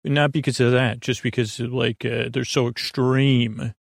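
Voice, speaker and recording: This podcast host, a man with a gravelly, fry-heavy voice of medium pitch, delivers a rambling bedtime monologue for a sleep show. His tone is flat and his pace measured as he meanders, stammers, doubles back and pokes fun at himself. The sound is close and dry, with no echo.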